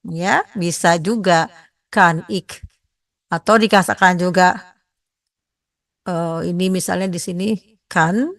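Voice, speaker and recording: An older woman teaching a radio language lesson, explaining and slowly repeating Dutch phrases. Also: medium pitch, a bit bright, dry recording, clean studio sound.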